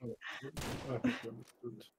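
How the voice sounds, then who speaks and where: A man's voice: a little slow, over a noisy crowd. A man playing a co-op game with friends, speaking in a formal, clipped way. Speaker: co-op game player. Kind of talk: casual gaming chat with friends.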